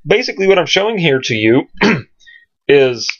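A man teaching from scripture at home in a casual, rambling way, searching his computer aloud with many pauses and ums. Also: a little high, very animated. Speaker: Bible teacher. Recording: dull lo-fi home recording.

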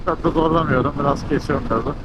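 Guy motovlogging inside his helmet, kinda high muffled voice, upbeat casual chat, wind and engine noise. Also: fast talker. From Turkey. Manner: upbeat, talking to viewers and to his bike. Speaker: motovlogger riding a motorcycle. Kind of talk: casual chat while riding. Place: outdoors on a moving motorcycle, inside a helmet. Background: wind and vehicle noise.

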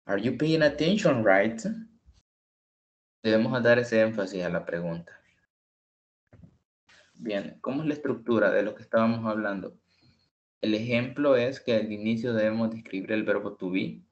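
Over a video call, a man with a lowish voice teaches an online English lesson. He explains slowly in English, then repeats the points in Spanish.

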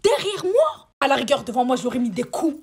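A woman telling a storytime to camera, animated and crude, with slang, swearing and exasperated asides. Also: on the high side, racing, husky. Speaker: storytime vlogger.

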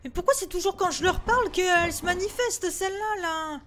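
A gaming streamer with a very high-pitched, brisk, fairly bright voice gives live commentary on a horror game. She's jittery and swears often as she scolds the ghosts on screen, with slight background noise.

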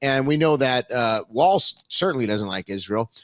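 A man's voice: mid-range voice, lively intonation, moderate pace, dry recording. Earnest male co-host, dry sound. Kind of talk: casual political commentary.

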